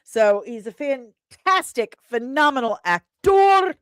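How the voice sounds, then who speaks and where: This entertainment news livestream host has a high-pitched, slightly bright, sing-song voice and speaks slowly as she reads chat comments aloud and replies. Expect playful, irreverent chatter with slang and pet names, recorded in studio quality without room sound.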